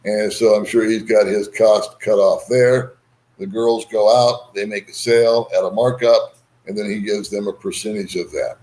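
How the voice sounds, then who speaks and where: A man's voice: fairly low pitch, steady tone, moderate pace, darkish tone, poor audio. A man hosting a casual livestream, rambling easily as he reads and answers viewer comments with bantering remarks. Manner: rambling, chuckling, easygoing banter. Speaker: livestream host.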